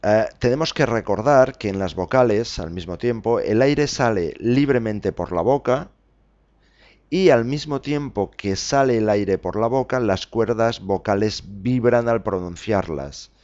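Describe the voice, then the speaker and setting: A man hosting a podcast lesson, slowly spelling out letters and examples with frequent fillers. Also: lowish voice, a little mellow, lo-fi sound. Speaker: Spanish teacher podcast host.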